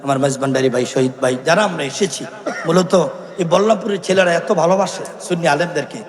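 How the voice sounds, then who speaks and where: A man's voice: fairly high pitch, fairly quick. A man preaching a fervent sermon at an outdoor religious gathering through a stage microphone, calling out to the crowd and breaking into devotional song. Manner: chanting, call-and-response with the crowd, bursts into song. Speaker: Islamic preacher. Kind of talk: impassioned Bengali waz sermon with sung devotional verses. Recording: echoey loudspeaker sound with long reverb.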